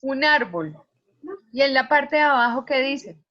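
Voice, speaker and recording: A woman's voice: high voice, lively intonation, a little slow, dull audio. A woman teacher giving an online class lecture over a video call, explaining ideas and asking students questions.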